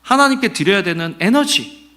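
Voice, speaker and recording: Animated middle-aged pastor preaching. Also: male voice, high-pitched, moderate pace. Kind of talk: Sunday sermon.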